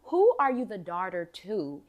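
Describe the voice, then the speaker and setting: A woman's voice: medium pitch, a little slow, dull audio. A woman hosting a talk show, upbeat and playful, with lots of slang. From Chicago, USA. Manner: lively, hype, playful slang.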